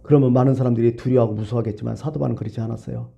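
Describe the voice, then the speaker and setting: A man's voice: medium pitch, fairly even intonation, racing, vocal fry, warm tone, dull audio. A male pastor preaching a sermon, telling a parable and asking rhetorical questions.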